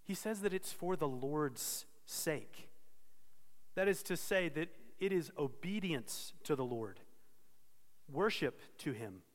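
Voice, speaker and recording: A man preaching an expository sermon, earnest and steady, pausing to correct himself now and then. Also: a little high, big-room sound. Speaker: pastor.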